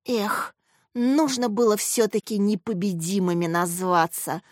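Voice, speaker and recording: A woman's voice: medium pitch, unhurried, no echo, studio quality, lightly acted. A woman voicing Lyonka, a bookish, somewhat glum schoolboy, speaking in a rueful, subdued way. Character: chess-loving boy Lyonka, bookish and glum.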